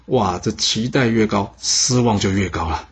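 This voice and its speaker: A man's voice: fairly low pitch, normal speed, a little hiss or hum. A man telling history stories in a chatty podcast, with asides to the listener. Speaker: podcast storyteller. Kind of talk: casual history storytelling.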